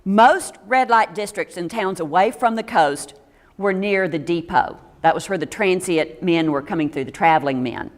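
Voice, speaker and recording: A woman's voice: fairly low pitch, normal speed, big-room sound. A woman giving a local history talk to an audience in a meeting room, reading steadily from notes with small stumbles and dry asides.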